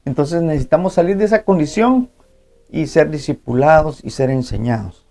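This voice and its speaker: A male pastor delivering a church sermon in a fairly high voice. He reads Bible verses aloud and addresses the congregation as brothers. He peppers his speech with amén and ¿verdad?. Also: moderate pace, warm tone. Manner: frequent interjected amén and ¿verdad?.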